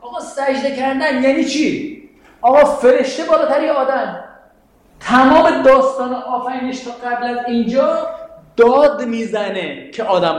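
Male teacher, high-ish voice, lecturing religious texts in a very echoey classroom. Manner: explanatory, quotes Arabic verses, asks students questions. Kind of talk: Quranic exegesis class.

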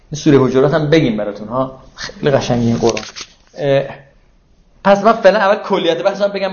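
In a relaxed, informal lecture on Quranic verses, a man with a fairly high voice keeps posing rhetorical questions to his listeners as he explains. The sound is a bit muffled and echoey, typical of a lo-fi room recording.

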